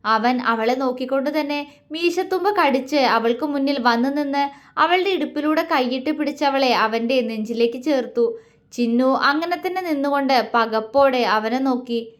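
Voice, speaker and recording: High-voiced woman narrating a story. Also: moderate pace.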